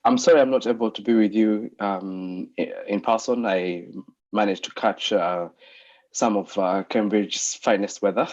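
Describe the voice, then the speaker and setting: A man's voice: fairly low pitch, fairly even intonation, normal speed, a little mellow. A man from Uganda giving an online talk as a doctor and lecturer, speaking hesitantly with many fillers over a video call. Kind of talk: online presentation. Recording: muffled video call audio.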